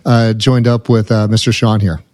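A man hosting a casual interview, asking friendly, halting questions. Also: lowish voice, level tone, darkish tone. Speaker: interviewer host.

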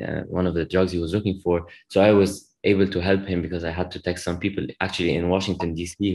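A young man from Lebanon speaks as a guest in a podcast interview, earnest and measured. His voice sits very low with a gravelly edge. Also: darkish tone, poor audio. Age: 20s. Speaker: medical student guest.

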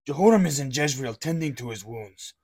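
A man's voice: medium pitch, lively intonation, fairly quick, darkish tone. An actor playing a stern army captain newly made king, with blunt, commanding orders. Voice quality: gravelly, husky.

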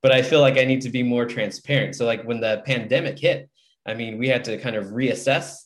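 A man's voice: mid-range voice, brisk. A man talking casually as an author guest on a podcast, in an earnest, motivational way. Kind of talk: casual interview chat.

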